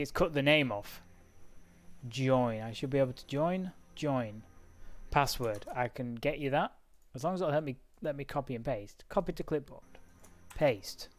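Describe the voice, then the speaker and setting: Clicking through menus while live-streaming a racing sim, this man chats casually, mutters to himself, and laughs frequently. His voice falls in the mid range.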